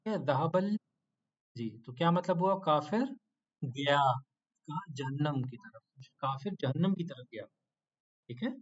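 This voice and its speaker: A man's voice: fairly high pitch, breathy edge, muffled recording. Male teacher coaxing students through quizzes. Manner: playful scolding, pleads for homework. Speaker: Quranic Arabic teacher. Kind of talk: online class teaching.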